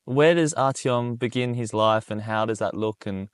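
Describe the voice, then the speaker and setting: A man's voice: mid-range voice, moderate pace, clean tone, dry recording, studio quality. A man hosting a podcast interview, asking long, easygoing questions with restarts. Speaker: podcast host. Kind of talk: casual interview chat.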